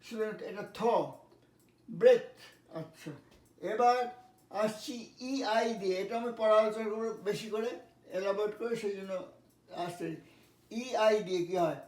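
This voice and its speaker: A man teaching English pronunciation, spelling words letter by letter and repeating each one slowly. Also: high voice, steady tone, darkish tone, recorded from a distance. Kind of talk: pronunciation lesson. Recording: echoey room, voice from off-mic.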